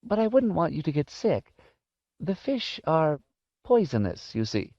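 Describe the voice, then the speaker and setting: A man voicing a kindly, soft-spoken old woman housekeeper with a sorrowful, fussing manner in an audiobook. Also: on the high side, wildly swooping pitch, unhurried, no room sound, muffled recording, voice pushed up, full character voice. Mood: gently fussing. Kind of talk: audiobook character voice.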